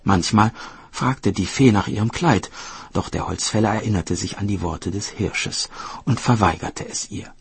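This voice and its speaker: A man narrating a fairy tale in an expressive, lively reading style. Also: on the low side, normal speed, vocal fry, slightly rough, no echo. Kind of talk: storybook narration.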